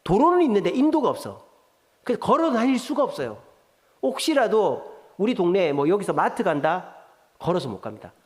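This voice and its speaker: In a church sanctuary full of long hall reverb, a middle-aged man from South Korea's Gyeongsang region gives a sermon in his regional accent. His voice is high, sing-song and slightly fast. He talks to the congregation like a conversation, asking them questions and telling jokes.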